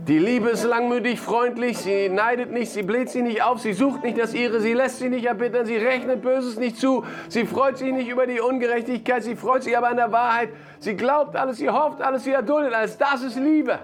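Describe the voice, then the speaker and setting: A man's voice: very high-pitched, fairly even intonation, a little fast, few pauses. A man preaching a sermon, emphatic and repeating his key phrases, with short laughs between lines.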